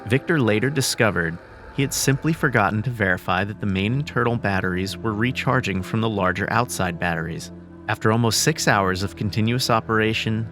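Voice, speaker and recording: Male narrator for a scripted documentary, low pitch, clear music behind. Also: a bit bright.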